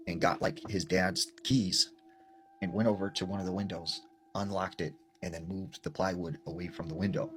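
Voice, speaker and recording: A man with a very deep voice tells a creepy tale in a loose, chatty way. He sinks low and hushed when the story turns tense, over a faint hiss of background noise. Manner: relaxed, rambling with many "like" fillers, dropping low and quiet for tense moments. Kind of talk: casual retelling of a scary story.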